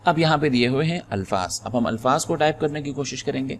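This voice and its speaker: A typing instructor patiently walks through a screen-recorded tutorial step by step, spelling out each key one at a time. He has a medium-pitched voice with lively intonation, and there's slight background noise.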